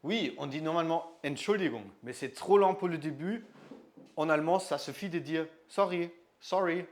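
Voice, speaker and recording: A young man from northern Germany teaching German in a casual lesson, slowly repeating words so they stick. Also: fairly high pitch. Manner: slow and patient, repeats words to drill them.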